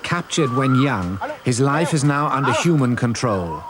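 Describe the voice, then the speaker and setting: Male nature documentary narrator over loud wildlife noise. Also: medium pitch, very animated, measured pace.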